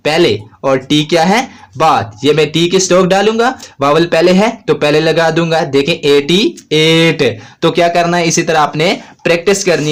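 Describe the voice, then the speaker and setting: Man, shorthand teacher, slightly high voice, patient classroom explanation, asks and answers own questions. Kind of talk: classroom-style lesson.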